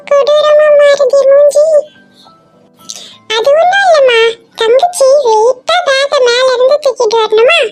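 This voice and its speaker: A performer voicing a cheeky schoolboy son who flatters his mother and speaks broken English, with faint music behind. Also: very high voice. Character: cheeky schoolboy son, tenth grade, mock-English show-off. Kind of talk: Tamil cartoon comedy dialogue.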